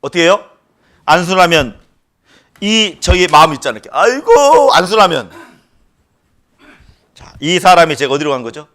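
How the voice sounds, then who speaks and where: A man's voice: fairly high pitch, moderate pace, long pauses, bright, forceful tone. A male pastor preaching a sermon who keeps questioning the congregation and stresses his points emphatically.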